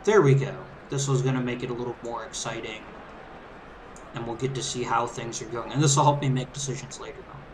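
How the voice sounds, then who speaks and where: A man's voice: medium pitch, fairly even intonation, fairly quick, a little hiss or hum, rough recording. A man giving casual, conversational, easygoing commentary as he hosts a let's play of a game. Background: video game crowd ambience and background music.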